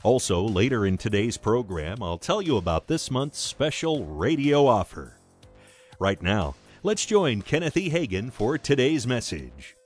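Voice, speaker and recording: A man's voice: lowish voice, very animated, a little slow. A man reading a scripted introduction as announcer of a radio program. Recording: voice over faint music. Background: faint music.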